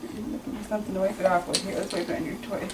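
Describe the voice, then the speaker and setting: A mother cooing to her baby at home in gentle, sing-song baby talk. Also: mid-range voice, little pitch movement, rapid-fire, far from the mic, very noisy.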